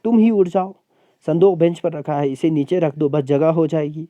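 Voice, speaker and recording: ایک مغرور اور برہم ٹھاکر، جسے ایک مرد استاد سبق پڑھتے ہوئے آواز دیتا ہے، اونچی اور رنجیدہ آواز میں بولتا ہے۔ لہجہ گہرا اور نرم سا ہے، اور کمرہ خشک اور بے گونج۔. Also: male voice, a little high, fairly even intonation, warm tone, no room sound, natural voice. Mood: coaxing. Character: proud irritated male Thakur, a former police officer.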